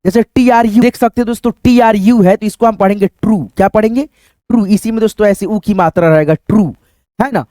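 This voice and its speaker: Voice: medium pitch, a little fast, dark tone, no echo. A teacher giving a phonics lesson, repeating each word and often calling the viewers friends. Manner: repetitive, addresses viewers as friends.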